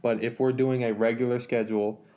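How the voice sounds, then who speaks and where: A man's voice: mid-range voice, brisk, phone-quality sound. Casual man talking college football. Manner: relaxed, analytical, many fillers and restarts. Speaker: sports podcast co-host. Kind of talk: casual sports talk.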